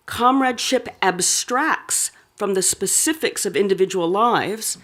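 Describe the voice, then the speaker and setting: A woman delivering an academic lecture in a voice of ordinary pitch for a woman. She reads from a prepared text and now and then adds a quick aside or filler. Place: lecture hall.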